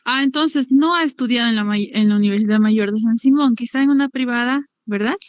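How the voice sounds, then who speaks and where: A woman's voice: on the high side, fairly quick, muffled recording. Woman student in a class exercise. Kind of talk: role-play exercise in class.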